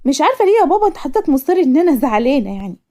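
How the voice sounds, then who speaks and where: A woman voicing a gentle young woman, a devoted daughter, speaking sweetly with an Egyptian accent in a cartoon story. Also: high voice, sing-song, racing, pitched above the performer's own voice. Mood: pleading.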